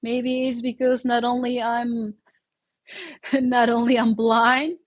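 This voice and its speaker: Her voice sits on the high side, steady in tone and slow-paced, captured in dull audio. A YouTube host from Mexico with a Mexican Spanish accent, she gives a casual livestream monologue while battling the flu and a sore throat, sincere and heartfelt and frequently laughing in the middle of sentences.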